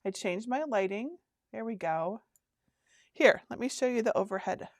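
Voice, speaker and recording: A woman in her fifties, a craft workshop host, chats casually on a livestream, reading viewer comments aloud and often laughing or restarting her sentences. Her voice is slightly high and expressive, at a normal speed. The audio is clean studio sound with no room echo.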